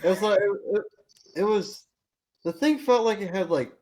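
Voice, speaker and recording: A man chatting casually in a group, halting and searching for words as he talks. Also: sits high, a little mellow.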